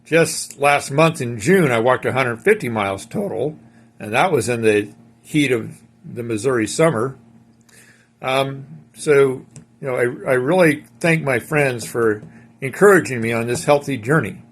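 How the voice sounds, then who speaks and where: Unhurried and medium-pitched, a home cook chats his way through a recipe for viewers one step at a time. The demonstration is casual and meanders as he goes.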